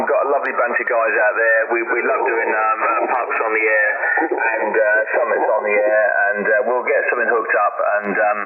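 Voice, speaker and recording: A man from England chatting on air as a radio amateur, friendly and relaxed, heard over a fading shortwave radio signal with interference. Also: medium pitch, narrow, tinny audio. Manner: friendly and relaxed, with many "um" and "uh" pauses. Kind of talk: casual on-air chat. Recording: thin radio audio with heavy static.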